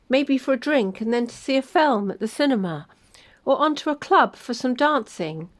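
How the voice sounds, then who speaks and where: Woman gently reading her story. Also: on the high side. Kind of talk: first-person story reading.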